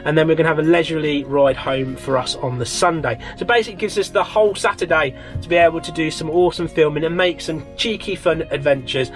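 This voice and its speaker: A British man with a notably high voice hosts a casual vlog from inside a small trailer. He tells things in an animated, jokey way, with music playing behind him. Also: fast, hardly any pauses. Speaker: motorcycle channel host. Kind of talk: casual vlog chat to camera.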